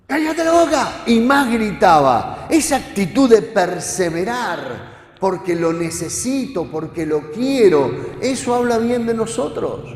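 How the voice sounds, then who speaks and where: A man's voice: high-pitched, sing-song, takes it slowly. A man preaching a sermon, talking conversationally and often asking the congregation questions. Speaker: pastor. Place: church hall. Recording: echoey church hall with long reverb.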